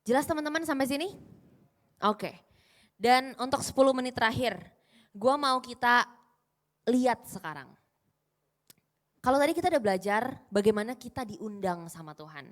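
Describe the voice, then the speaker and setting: A young woman preaches in a relaxed, chatty way, as if talking with friends. Her voice sits fairly high. She keeps turning to the congregation with questions. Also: normal speed, long pauses. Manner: conversational, quizzes the congregation with questions. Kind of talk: casual youth sermon.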